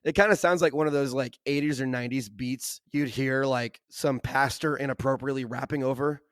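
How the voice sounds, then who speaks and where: A hoarse man with laryngitis, co-hosting a podcast in casual, enthusiastic chat full of "like" and "kinda". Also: medium pitch, fairly even intonation, a little fast, dry recording, clean studio sound. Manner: enthusiastic, uses lots of "like" and "kinda". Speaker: podcast co-host.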